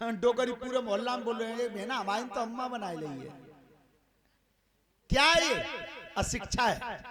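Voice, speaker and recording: A man, preaching a live village sermon in a folksy, emphatic storytelling manner with repeated refrains. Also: very high-pitched. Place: outdoor village gathering. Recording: live sermon with audible crowd.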